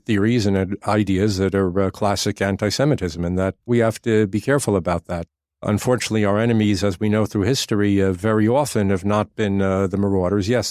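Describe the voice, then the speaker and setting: A man co-hosting a political podcast, talking in a measured way with frequent pauses. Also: on the low side, darkish tone, smooth, dry recording, clean studio sound. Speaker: podcast co-host.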